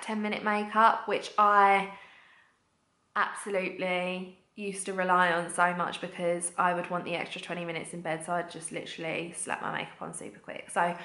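A young woman talking to her vlog camera in a chatty, excited and heartfelt way. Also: medium pitch, reverberant. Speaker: vlogger.

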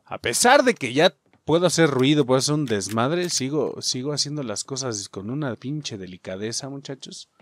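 This gaming YouTuber, a man with a Mexican accent, has a mid-range voice and an animated delivery at a moderate pace. His let's-play commentary is casual, jokey, and full of profanity, and he addresses his audience as "muchachos."

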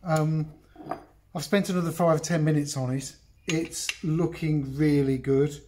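A middle-aged English man chats his way through a woodworking job, breaking off his own sentences to talk straight to the viewer. His voice sits a little high, recorded on a phone set on the bench. Faint clicks and workshop noise sit behind him. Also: fairly even intonation, measured pace, warm tone. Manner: chatty, rambling, self-interrupting, talks to the viewer. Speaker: woodworking video host. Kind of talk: casual workshop demonstration. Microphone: phone camera on the bench, moved around.

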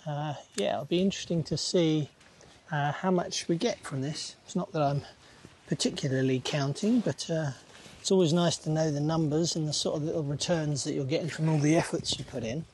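Man, outdoors, relaxed chatty gardener, thinking aloud, somewhat high voice. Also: fairly quick, a little hiss or hum. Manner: chatty, easygoing, thinks aloud with many fillers. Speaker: allotment gardener, channel host. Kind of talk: casual narration while gardening. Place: outdoors on an allotment plot.

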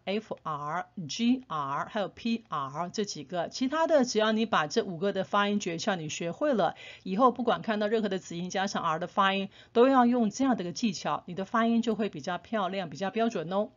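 A woman teaching English pronunciation in Taiwanese Mandarin, patient and encouraging, repeating example words slowly. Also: mid-range voice. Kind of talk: phonics lesson with slow drawn-out example words. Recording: slightly dull lo-fi sound.

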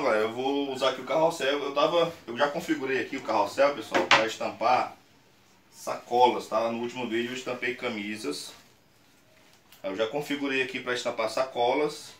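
A man's voice: mid-range voice, a bit bright. A man in his thirties with a Brazilian Portuguese accent, patiently demonstrating screen printing in a small workshop and explaining each step. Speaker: screen printing channel host. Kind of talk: casual how-to demonstration. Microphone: camera on a tripod a few meters away. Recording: roomy, distant camera mic with faint noise.

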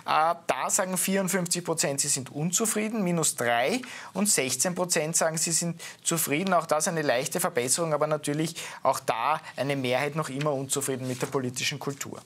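A TV presenter working through a chart of poll numbers in a studio, reading each figure plainly and then turning to a guest with questions. The voice sits at a middle pitch with a slightly husky, breathy grain. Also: a little fast, hardly any pauses, fairly bright tone. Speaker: TV host presenting poll results.

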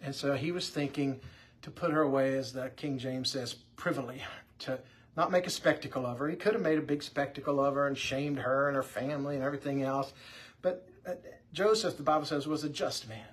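A man, a pastor, teaching about the Bible in a relaxed, conversational way, often restarting his sentences. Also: medium pitch, brisk, breathy edge. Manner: conversational, with frequent restarts and fillers.

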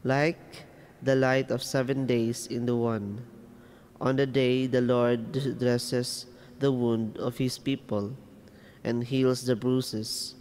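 A man reading scripture solemnly as a lector, measured and reverent, phrase by phrase, in a church with cathedral-like echo. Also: mid-range voice, little pitch movement, darkish tone, smooth. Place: inside a church.

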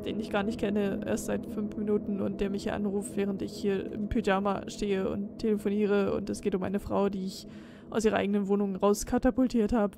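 A woman's voice: medium pitch, warm tone, slight background noise. A woman casually commenting on a game she plays, with sarcastic, grumbling asides. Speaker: Let's Play host.

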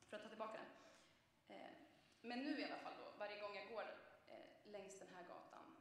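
A woman's voice: medium pitch, vocal fry, distant mic, a little hiss or hum. Woman preaching in an echoey church. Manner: storytelling, frequent hesitations. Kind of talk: conversational sermon.

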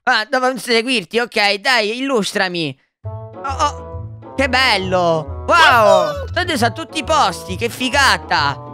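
A man voicing an excitable little boy who thinks he is Mario, shouting and apologizing by turns in a Minecraft roleplay. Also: very high-pitched, takes it slowly, full character voice. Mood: eager. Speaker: roleplay video maker. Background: background music.

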